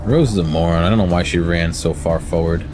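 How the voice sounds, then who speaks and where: Speaking fairly quickly in a deep voice, an American man with a slight lisp chats casually while streaming a game. He answers viewers with lots of hesitant fillers as game music runs behind him.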